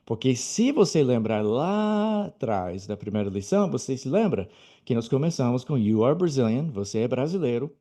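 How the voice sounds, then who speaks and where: A male English teacher giving a patient, explanatory video lesson, slowing down to model each example phrase. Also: mid-range voice, big pitch swings, dark tone.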